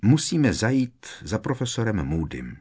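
A man's voice: on the low side, big pitch swings, a little mellow, husky. A man reading aloud, voicing a worried teenage boy wizard who speaks urgently and with emphasis.

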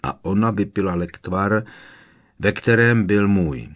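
A man voicing a young male prisoner who confesses in a flat, expressionless monotone. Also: on the low side, close to an everyday voice. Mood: flat confession. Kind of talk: audiobook character voice.

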